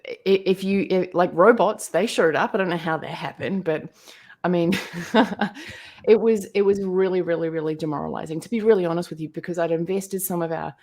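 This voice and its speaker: A middle-aged woman with a New Zealand accent tells her story as an interview guest. Her voice sits a little low. She is animated and slips into character voices when quoting people. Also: a little fast. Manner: animated, acts out quotes in voices. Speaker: guest entrepreneur.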